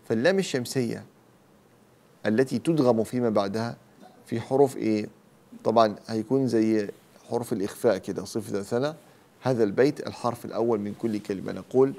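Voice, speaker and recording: A man teaching tajweed rules, explaining each rule and then slowly reciting the verse examples. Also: lowish voice, gravelly, darkish tone.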